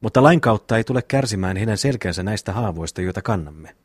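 A man reading an audiobook, voicing a hot-tempered, boastful young peasant brother with a husky voice. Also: lowish voice, lively intonation, no room sound, clean studio sound. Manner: boastful, blunt storytelling. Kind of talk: audiobook reading of a classic novel.

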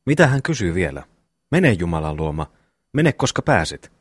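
A man reads a witty youngest brother with a sly, mocking way of talking. His voice is low and lively, close and dry. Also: breathy edge, dry recording, heavily acted. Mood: teasing.

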